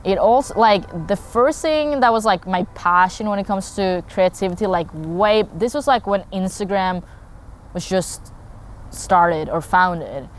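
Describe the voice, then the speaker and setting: A young Norwegian woman talks casually to camera about her work as a content creator, rambling with plenty of fillers and restarts. Her voice is medium-pitched and a little slow, with slight background noise in this talking-head vlog.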